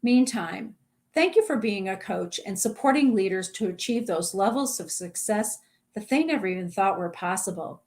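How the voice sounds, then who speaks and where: A woman's voice: mid-range voice, lively intonation, normal speed, darkish tone. A middle-aged woman executive coach talking directly to other coaches in a short advice video, earnest and plain-spoken. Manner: earnest, direct, conversational with small restarts.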